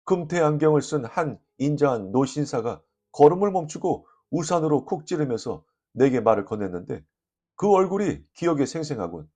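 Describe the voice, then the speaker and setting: A man reading a short story aloud as an audiobook narrator, lively and expressive, voicing the dialogue. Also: on the high side, normal speed.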